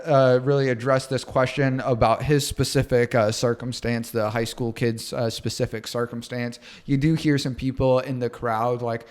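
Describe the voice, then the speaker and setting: Smooth-voiced rambling man. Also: medium pitch, level tone, moderate pace, hardly any pauses, darkish tone. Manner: rambling, full of fillers and hedges. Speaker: podcast co-host. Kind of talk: casual commentary.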